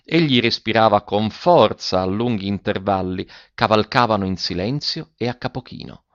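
Man reading a classic novel aloud, low voice, measured and expressive, dry muffled sound. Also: no echo. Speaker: audiobook reader. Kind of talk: literary audiobook narration.

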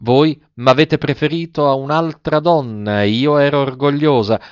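A man's voice: a little high, normal speed, clean tone, no echo, voice pushed up, close to an everyday voice. A man voicing a proud, bitter noblewoman who answers with clipped, scornful retorts, in a slightly dull, dry recording. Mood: bitter, ironic.

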